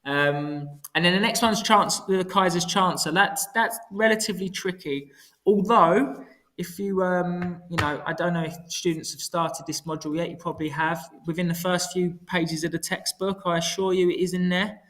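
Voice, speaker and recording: A man's voice: sits high, steady tone, moderate pace, a bit bright. A man teaching in a casual live tutoring style, hesitant and self-correcting, dropping his T's with glottal stops. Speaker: history teacher co-hosting.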